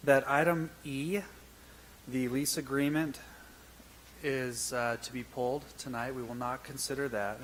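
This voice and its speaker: A man's voice: medium pitch, fairly bright tone, low-quality recording. A man, a city official, presenting agenda items at a council meeting in a businesslike, explanatory way. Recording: faint background noise.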